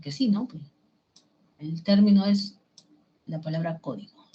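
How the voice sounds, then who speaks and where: Peruvian woman teacher, unhurried delivery, asks the class questions; muffled lo-fi classroom recording. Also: fairly low pitch, mellow. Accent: Peruvian Spanish. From Peru. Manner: slow, explains step by step with questions to the class. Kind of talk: language class lecture.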